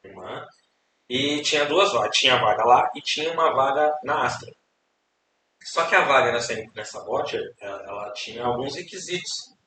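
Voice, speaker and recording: Speaking at a moderate pace with an expressive, sharp-toned, medium-pitched voice, a young Brazilian podcast guest rambles through his life story, repeating words and adding tag questions. Hiss, an echoey room, and a distant mic color the audio.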